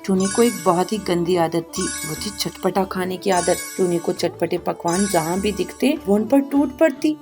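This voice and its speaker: A woman tells a cartoon story in a low voice, reading a script. Her narration is clear and even.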